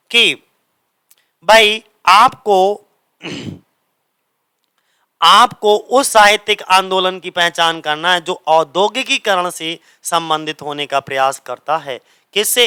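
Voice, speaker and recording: This is a man teaching English literature, his voice bright and smooth, a little high for a man. He talks slowly and deliberately, mixing Hindi with English and pausing to ask his students again and again, as if drilling them. The recording is close and dry. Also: dry recording, poor audio. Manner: repeats key answers as quiz questions to students; mixes Hindi and English, reads English passages slowly. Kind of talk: exam-prep lecture.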